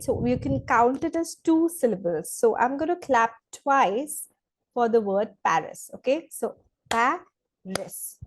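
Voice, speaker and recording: A woman lecturing slowly and deliberately to students in a recorded online lesson, with some fillers. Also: fairly high pitch, poor audio. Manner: slow, deliberate teaching with fillers.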